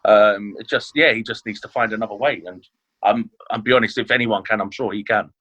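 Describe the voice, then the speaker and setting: In this casual podcast interview, a chef born in Leeds who grew up in London talks about his cooking career, full of fillers and false starts. His voice is on the low side, fairly quick, sharp and slightly rough, and the recording itself is rough.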